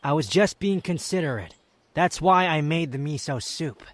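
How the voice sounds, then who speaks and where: A man's voice: fairly high pitch, normal speed, no room sound, lightly acted. A man playing a proud, prickly young wanderer who hides his affection, curt and scornful, in a scripted ASMR roleplay spoken to the listener. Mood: defensive, flustered. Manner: haughty, curt, scornful, defensive.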